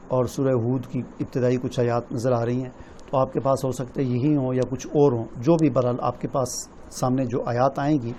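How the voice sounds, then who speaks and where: Man explaining slowly, step by step. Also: medium pitch, warm tone, slight background noise. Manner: explains step by step, often adds "theek hai?". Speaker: tutorial presenter. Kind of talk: screen-recorded walkthrough.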